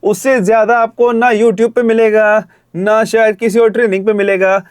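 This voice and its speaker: A voice-over coach with a slightly high voice gives direct, friendly critique. He switches into lively demonstration reads now and then. The sound is close and dry. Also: normal speed, clear, resonant tone, dry recording. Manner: friendly, direct feedback, switches into energetic demo lines. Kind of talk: reviewing recordings, with demonstration reads.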